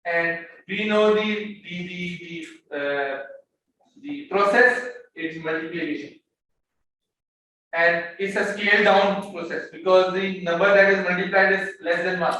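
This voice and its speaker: A man's voice: high-pitched, steady tone, measured pace, bright, forceful tone. A man lecturing a class on economics, explaining step by step, often repeating words as he searches for the next one, and mixing English with Hindi-Urdu phrases. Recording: very echoey room, mic far off, faint background noise.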